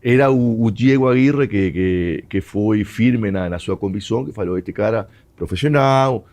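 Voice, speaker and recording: On the low side and darkish in tone, this man's voice moves at a moderate pace. He is an ex-footballer from Uruguay, a native Spanish speaker, recounting stories in an interview while mixing in Portuguese and laughing frequently.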